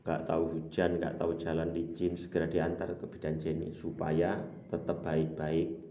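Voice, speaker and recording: A low, mellow male voice leads a boarding-school kitab lesson, chanting Arabic and explaining it phrase by phrase. The hall sounds roomy and the mic is far off, with faint ambience behind him. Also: normal speed, muffled recording, slight background noise. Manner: animated teaching, chanting Arabic, then glossing it. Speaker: Islamic boarding school teacher. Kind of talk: morning kitab lesson with word-by-word glosses.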